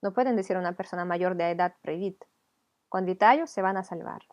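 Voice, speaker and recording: A woman's voice: lowish voice, brisk, a little mellow. A woman with a Ukrainian accent, a teacher explaining a video lesson patiently, step by step. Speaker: language teacher.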